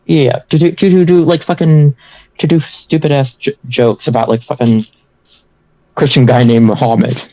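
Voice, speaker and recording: A man co-hosting a casual podcast, halting and full of fillers, with frequent swearing. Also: medium pitch, fairly even intonation, dark tone, no echo, muffled recording. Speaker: podcast co-host. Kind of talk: casual chat.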